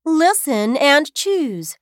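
A woman reading textbook dialogue answers for a listening test, slowly and carefully enunciated for learners. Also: sits high, very animated, dry recording, clean studio sound.

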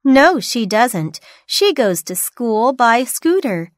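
A woman reading textbook dialogue answers for a listening test, slowly and carefully enunciated for learners. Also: a little high, big pitch swings, no echo, studio quality.

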